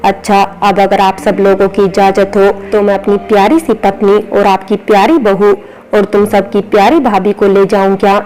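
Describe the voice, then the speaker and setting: A woman's voice: medium pitch, little pitch movement, moderate pace, a little mellow, close to an everyday voice, poor audio. Lady reading a playful teasing young husband, storybook.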